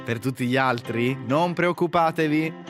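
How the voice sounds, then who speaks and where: A man's voice: mid-range voice, a little slow. A man hosting a radio game like a showy game show host, playful, exaggerated and emphatic. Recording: music behind the voice. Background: music.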